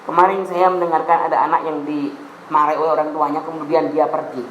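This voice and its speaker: A middle-aged woman pastor with a Javanese accent, preaching a lively sermon in a church hall and slipping into local phrases. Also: deep voice, quick pace, slight background noise. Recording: echoey room with faint ambience.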